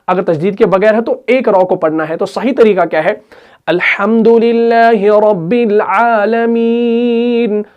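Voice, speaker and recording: A man, teaching a recitation class, explaining slowly and asking and answering his own questions. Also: sits high, darkish tone, muffled recording. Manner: recites Quranic verses in drawn-out chant. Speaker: tajweed teacher. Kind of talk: online Quran recitation lesson.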